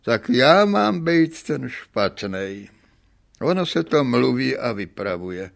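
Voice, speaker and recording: A man's voice: mid-range voice, sing-song, creaky. A man voicing an aggrieved middle-aged swindler on trial, complaining in a whiny, self-pitying way. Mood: grumbling. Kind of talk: audiobook character reading.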